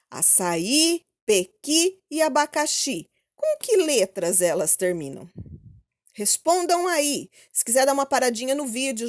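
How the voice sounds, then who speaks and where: A Brazilian woman teacher giving a recorded lesson to children, speaking slowly and clearly and checking in with questions. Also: sits high. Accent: Brazilian Portuguese. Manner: slow, clear, prompting with questions and "ok?".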